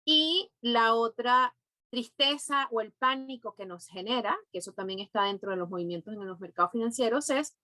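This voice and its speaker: A woman with a Venezuelan Spanish accent, a guest on a podcast, walking through ideas step by step with pauses and filler words. Her voice sits a little high, and the sound is dry and close. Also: bright, forceful tone, no room sound. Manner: explanatory, thoughtful with pauses and fillers. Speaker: guest, neurofinance specialist. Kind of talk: podcast interview.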